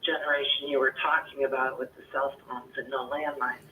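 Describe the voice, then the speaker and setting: A woman's voice: extremely low pitch, flat delivery, brisk. An older woman talking over a landline phone from home, plainspoken and candid, with easy fillers. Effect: heard over a landline phone. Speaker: homeowner on a sales call. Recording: distant echoey phone line with faint hiss.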